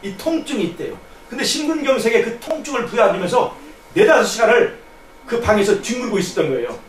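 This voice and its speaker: A man preaching a sermon and telling a personal testimony in an earnest storytelling manner, his voice dropping to a hush and then rising. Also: extremely high pitch, very animated, fast. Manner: earnest storytelling, swinging from hushed to raised. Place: church hall. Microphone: distant room mic on a live stream. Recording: echoey church from a distance, faint noise.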